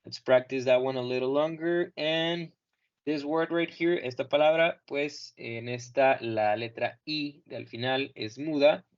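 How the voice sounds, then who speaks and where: A man teaching English in Spanish over a video call, patiently modeling each word slowly and clearly for his students. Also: mid-range voice, muffled recording. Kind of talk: online class correcting pronunciation.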